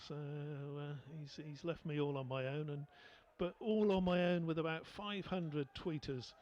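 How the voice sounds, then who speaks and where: A man's voice: on the high side, fairly even intonation, unhurried, a little mellow, lo-fi sound. A man doing live cricket commentary, chatty and rambling with lots of fillers, from a commentary position at the ground.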